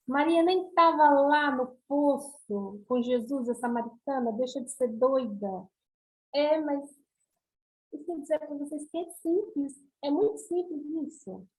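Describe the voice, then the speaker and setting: A middle-aged woman with a Brazilian Portuguese accent preaches with earnest emphasis, asking her listeners question after question. Her voice sits high, with a dark, mellow tone. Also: poor audio. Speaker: missionary speaker. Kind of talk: preaching talk on a livestream.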